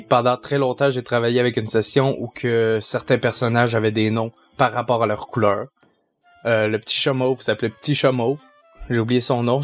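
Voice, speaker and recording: A young adult man with a Québécois French accent and medium pitch works as a sound mixer and answers fan questions in a casual Q&A. He speaks in a measured, hesitant way with many fillers.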